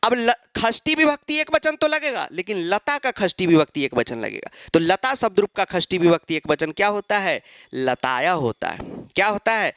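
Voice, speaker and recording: A man's voice: high voice, big pitch swings, normal speed, a bit bright, no room sound. Man teaching in a dry room. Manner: explains step by step, answering his own rhetorical questions. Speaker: Sanskrit teacher. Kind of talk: exam-prep video lesson.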